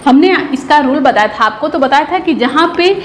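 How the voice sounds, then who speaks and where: A woman a high voice teaches grammar for an exam. She keeps asking questions and answers them herself, repeating each key term. Her voice rings in a room a lot of echo, and faint noise runs underneath. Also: lively intonation, fairly quick. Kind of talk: exam-prep lesson.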